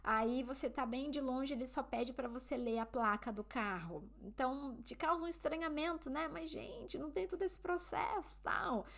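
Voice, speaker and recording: A woman's voice: high-pitched, moderate pace, gravelly, few pauses. A woman from Brazil with a Brazilian Portuguese accent, talking casually to camera in a vlog and often checking in with her viewers. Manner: chatty, often asks the viewer "né?" and "entende?". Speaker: vlogger living abroad. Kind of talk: casual advice talk to camera.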